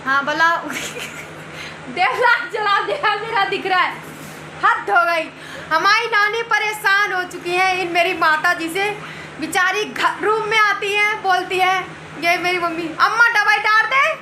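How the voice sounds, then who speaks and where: A woman's voice: extremely high pitch, slow pace. A woman vlogging in a casual comedic way, teasing and often laughing as she talks, outdoors. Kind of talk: casual comedy vlog narration. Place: outdoors, dusty and sunny. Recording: noisy background.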